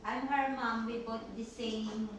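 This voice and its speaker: A woman from the Philippines, chatting casually at home, soft-spoken and quick to laugh. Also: on the high side, fairly even intonation, echoey room. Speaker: wife. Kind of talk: casual chat.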